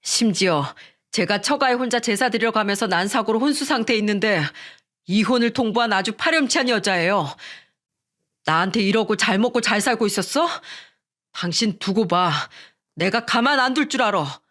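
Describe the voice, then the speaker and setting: A woman's voice: mid-range voice, expressive, normal speed, a bit bright, close to an everyday voice. A woman playing a wronged young father who speaks in an indignant, accusing way in a radio story. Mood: angry accusing.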